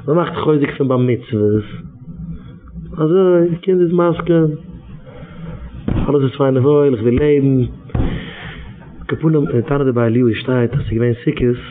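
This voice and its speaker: A man's voice: mid-range voice, moderate pace, pauses often, slight background noise. Man preaching over a tinny line. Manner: repeats phrases over and over, exhorting. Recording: tinny phone-like radio recording.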